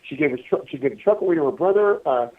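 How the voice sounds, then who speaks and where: This prison caller, a podcast guest, sits far from the phone's handset, his slightly high voice animated as he loosely spins stories for listeners. He stalls and repeats himself, all carried on a thin, band-limited prison line.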